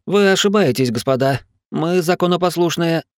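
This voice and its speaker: A man's voice: a little high, moderate pace, no echo, studio quality, voice pushed up, lightly acted. A man reading an audiobook, voicing a nervous young male companion who speaks anxiously.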